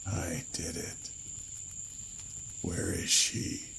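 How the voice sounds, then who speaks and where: A man voicing a drowned male cadaver creature that whispers hoarsely and breaks into shrill screams. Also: flat delivery, very slow, bright, forceful tone, slight background noise, exaggerated voice.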